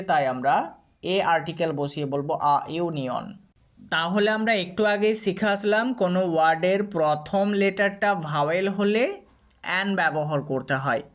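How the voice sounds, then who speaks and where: Patient Bengali grammar teacher, drilling examples. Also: male voice, fairly high pitch. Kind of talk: explaining lesson to students.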